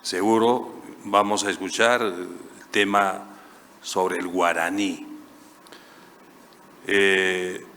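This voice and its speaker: A man moderating a conference panel, introducing the next speaker with hesitant pauses and fillers. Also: deep voice, little pitch movement, sharp tone, a little hiss or hum. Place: large conference hall. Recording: reverberant conference hall.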